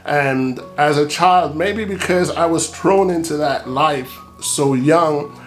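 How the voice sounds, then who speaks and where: A middle-aged man from Jamaica, an author, talking casually and reflectively with frequent pauses and ums. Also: fairly high pitch. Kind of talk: casual talk to camera. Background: soft guitar music.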